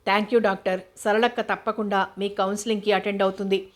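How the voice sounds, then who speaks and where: A woman's voice: medium pitch, flat delivery, quick pace, natural voice. A woman reading aloud as a cheerful, gracious woman who speaks politely.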